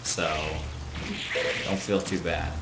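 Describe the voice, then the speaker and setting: A laid-back young man chatting while playing a game, rambling and laughing often. His voice sits low and bounces around an echoey room. A heavy hiss runs under the recording. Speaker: livestream player and co-host. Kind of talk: casual let's play chat. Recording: echoey room with loud noise.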